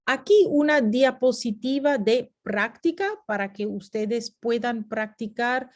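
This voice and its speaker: A woman lectures over her slides at an unhurried pace, her voice sitting a little high. She explains each point step by step and drops into brief English asides for her students. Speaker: Spanish teacher.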